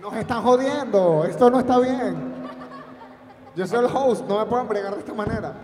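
A man's voice: high voice, normal speed. A man with a Venezuelan accent hosting a casual party game and bossily calling the turns. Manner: bossy, keeps ordering turns. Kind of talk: casual group game banter. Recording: echoey long-reverb room with loud noise.

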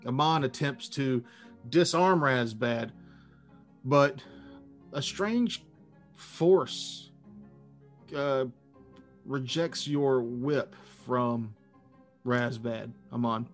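A man narrating a tabletop fantasy game as game master, improvising in a halting way with dramatic pauses. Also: medium pitch, soft background music.

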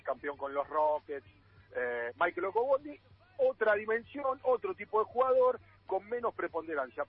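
A man with an Argentine Spanish accent works as a radio sports columnist, explaining things during a panel talk with many fillers and restarts. His voice is high with a breathy edge and no echo, heard over a muffled, phone-like line.

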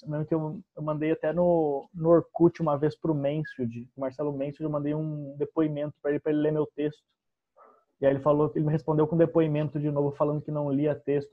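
A young man from southern Brazil, a stand-up comedian talking casually and quietly about his path to the stage. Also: on the high side, highs cut off. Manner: relaxed, soft-spoken storyteller. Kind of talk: casual podcast conversation.

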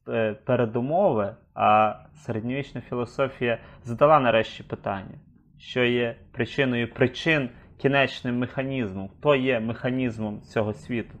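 Man explaining with frequent hesitations. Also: mid-range voice. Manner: hesitant, many 'е' fillers while building arguments. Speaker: discussion partner. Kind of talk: conversational discussion.

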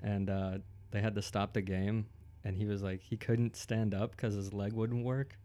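A young man in casual chat, telling a story in a relaxed, rambling way with lots of fillers. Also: lowish voice, moderate pace.

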